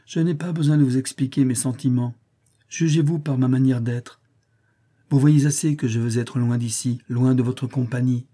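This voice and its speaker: A man voicing a proud, dignified young woman held prisoner, her lines calm and firm. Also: mid-range voice, normal speed, natural voice. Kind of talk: audiobook character reading.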